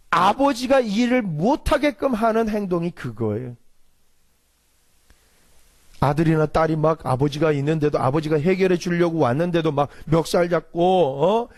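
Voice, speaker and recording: A man who is a pastor, delivering an animated sermon and acting out quarrels in a raised voice. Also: high-pitched. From Korea.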